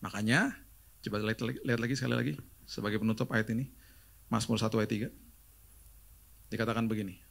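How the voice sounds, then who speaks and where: A man's voice: on the low side, fast talker, creaky, long pauses. A middle-aged Indonesian man, a pastor giving a sermon, telling stories with acted-out dialogue and jokes. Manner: lively storytelling with quoted dialogue and jokes.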